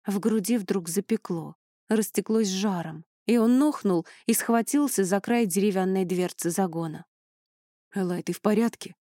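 Woman reading a fantasy audiobook, dark tone. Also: medium pitch, moderate pace, no room sound, clean studio sound. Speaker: audiobook narrator. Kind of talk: scripted narration.

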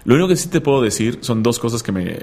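A man's voice: medium pitch, big pitch swings, quick pace, warm tone. A man hosting a radio talk show, chatting and telling stories with a joking manner. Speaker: radio host. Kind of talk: casual radio chat.

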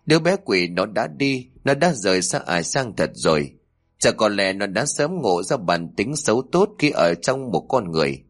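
A man narrating a horror story in a dramatic, expressive voice. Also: fairly low pitch, moderate pace.

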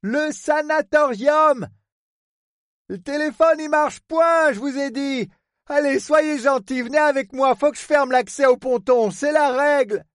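A man's voice: very high voice, normal speed, dry recording, studio quality, voice pushed up. Man voicing a fretful, swearing harbor master. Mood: worried, pleading. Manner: blunt rustic talk, full of oaths. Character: gruff, fretful middle-aged male harbor superintendent. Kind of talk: audiobook character voice.

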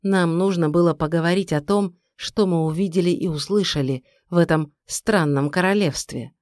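A woman's voice: on the low side, normal speed, a little mellow, dry recording. Woman narrating an audiobook, dry sound. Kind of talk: scripted first-person narration.

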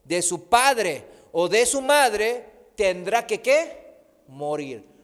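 High-voiced preacher, long hall reverb. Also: male voice, animated, extremely slow. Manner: emphatic, with humorous personal anecdotes. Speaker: pastor. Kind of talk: sermon.

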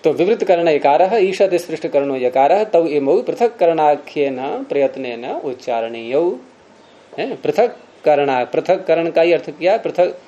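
A mellow, fairly high-pitched man leads a class through a grammar text. He reads lines aloud, then breaks them down slowly and puts questions to his students. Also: lively intonation, muffled recording. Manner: patient, questioning students, slows to spell out examples. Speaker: Sanskrit grammar teacher.

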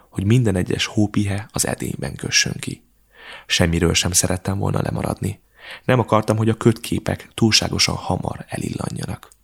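A man reading an audiobook in a steady, measured narration. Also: low-pitched, gravelly, husky. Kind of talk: scripted narration.

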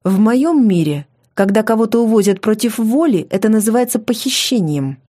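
A woman's voice: a little high, lively intonation, moderate pace, dark tone, pitched above the performer's own voice. Woman voicing a curt, aloof nobleman. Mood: dry. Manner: dry, methodical, clipped replies. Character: terse, aloof grown man of noble house.

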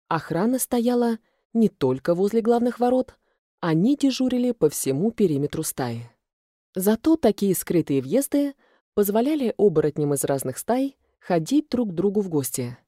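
A woman narrating a first-person fantasy audiobook in a calm storytelling manner on a close mic. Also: medium pitch, dry recording.

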